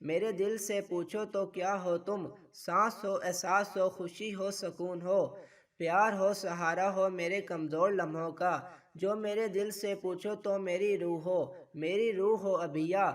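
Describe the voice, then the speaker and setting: A man's voice: sits high, fairly even intonation, unhurried, far from the mic. Man voicing an adoring young husband. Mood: poetic. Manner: tender, poetic.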